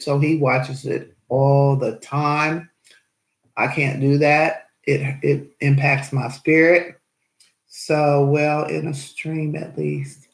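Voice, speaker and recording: A woman's voice: deep voice, roomy sound, low-quality recording. A woman hosting an aquarium channel in casual live-stream chat, cheerful and chatty as she greets viewers.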